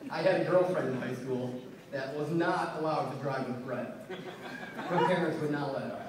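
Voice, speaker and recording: A young man giving a best man's wedding toast, telling informal, joking anecdotes with pauses. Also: fairly high pitch. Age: young adult. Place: large reverberant room at a wedding reception. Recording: echoey noisy room, distant mic.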